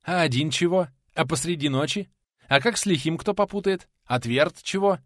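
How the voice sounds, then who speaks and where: A man's voice: a little high, normal speed, no room sound, clean studio sound, voice pushed up, close to an everyday voice. Man voicing a blunt older teacher. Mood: eager questioning. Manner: shouting, challenging. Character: older male pensioner teacher, hot-tempered and blunt.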